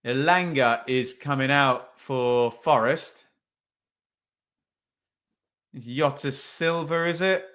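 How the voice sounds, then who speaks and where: A man's voice: mid-range voice, slow, pauses often, a bit bright. Chatty man commentating a match. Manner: chatty, thinks aloud with tag questions. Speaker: podcast host. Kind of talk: casual live watch-along commentary.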